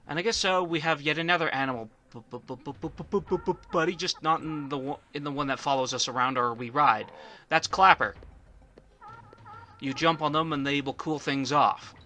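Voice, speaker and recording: A man's voice: fairly high pitch, a little fast, pushed and bright, a little hiss or hum. A man giving casual let's play commentary, rambling and often stuttering on the first syllables of words.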